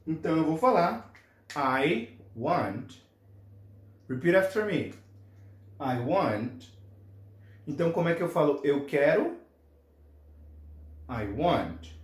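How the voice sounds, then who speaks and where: Slow, animated male teacher in echoey room. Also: fairly high pitch. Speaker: English teacher. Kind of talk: classroom lesson. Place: classroom with a board.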